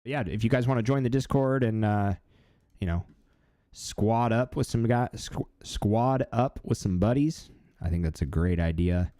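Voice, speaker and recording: Male, 30s, live-stream host; deep warm voice, easygoing and filler-heavy. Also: moderate pace, dry recording, clean studio sound. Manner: relaxed, chatty, many fillers. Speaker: livestream host. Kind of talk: casual live-stream chat.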